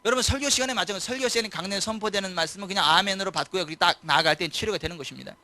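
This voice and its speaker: A male pastor preaching in church in a high, bright voice. He drives his points hard and keeps turning to the congregation with questions. The delivery is insistent and lively. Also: very fast. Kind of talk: sermon.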